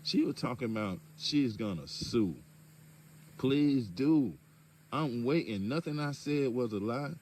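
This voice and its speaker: A man speaking calmly but pointedly in direct-address video commentary, asking rhetorical questions, with features. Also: mid-range voice, a little slow, a little hiss or hum. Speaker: commentator addressing a public figure.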